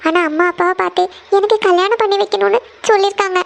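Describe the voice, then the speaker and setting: A woman's voice: very high-pitched, steady tone, fast talker, gravelly. [name], a woman voicing a tearful cartoon big sister. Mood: tearful, worried. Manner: tearful, pleading, dwells on family hardship. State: crying. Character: worried young woman, eldest sister of a struggling family. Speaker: elder sister who gives tuition lessons.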